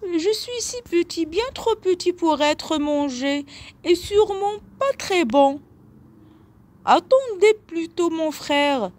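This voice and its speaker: A woman voicing a tiny, timid little billy goat in a storybook, pleading in a high voice. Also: expressive, slow, darkish tone, heavily acted. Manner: pleading, squeaky.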